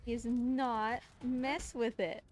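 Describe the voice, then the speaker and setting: Speaking extremely slowly, a woman with a steady, darkish, rather high voice comments casually on her gameplay while speedrunning live for a charity marathon. She playfully scolds the game creature with exasperation. Background game noise and ambience come through clearly.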